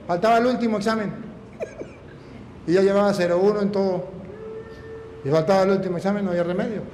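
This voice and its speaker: A middle-aged man, a priest telling a story in an animated, emphatic sermon. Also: high voice, quick pace. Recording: echoey hall, faint noise.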